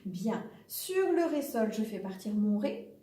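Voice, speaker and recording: A woman's voice: mid-range voice, very animated, a little slow, echoey room, recorded from a distance. A woman giving a patient, step-by-step piano lesson, counting the beats aloud as she plays. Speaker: piano teacher.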